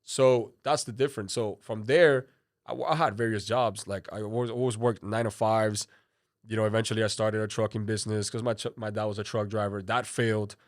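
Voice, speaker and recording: A Cuban-born man in his thirties talks casually as a podcast guest, his voice sitting a little low. He rambles, leaning on "you know" and "like", and the sound is close and dry with no room echo. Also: fairly even intonation, fairly quick. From Cuba. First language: Spanish. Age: 30s. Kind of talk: casual interview talk.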